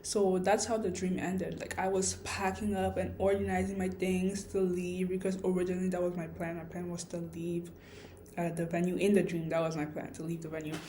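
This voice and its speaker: A woman's voice: on the low side, little pitch movement, fairly quick, dark tone, a little hiss or hum. A woman vlogging a personal story in a casual, rambling, reflective way, with a lisp from wearing retainer-like aligners. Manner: rambling, reflective, self-questioning.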